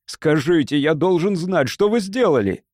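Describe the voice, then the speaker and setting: A man's voice: a little high, animated, moderate pace, a little mellow, dry recording, studio quality, voice pushed up. A man voicing a tense official who pleads and insists, in an audiobook story. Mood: pleading.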